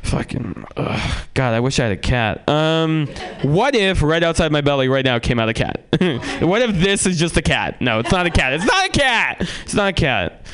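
A man doing a rambling, profane stand-up comedy set on a club stage, swinging between loud outbursts and low mutters. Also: very animated, moderate pace. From San Francisco, USA.

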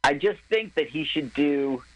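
A man's voice: a little high, lively intonation, unhurried, fairly bright tone, low-quality recording. A man co-hosting a casual film commentary, talking in an opinionated, analytical way.

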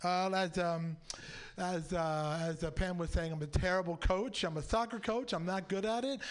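A man's voice: high voice, moderate pace, clean tone. A man from San Francisco doing a rambling, self-mocking stand-up set at a radio studio open mic, slipping into snooty put-on voices. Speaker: stand-up comedian.

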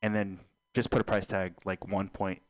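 A young man hosting a casual podcast, talking in a deadpan, absurd joking way with trailing fillers. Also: low-pitched, moderate pace, no room sound. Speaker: podcast host.

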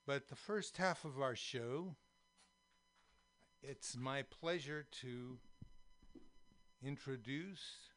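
A man in his seventies from San Francisco hosting a community radio talk show, slow and thoughtful with many fillers, in a radio studio. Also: mid-range voice, fairly bright tone. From San Francisco, USA. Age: 70s. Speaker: radio host.

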